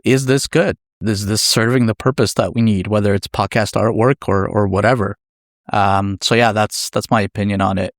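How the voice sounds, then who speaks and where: A man hosting a podcast interview, asking measured and friendly questions. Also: on the low side, fairly even intonation, no echo, clean studio sound. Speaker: podcast host.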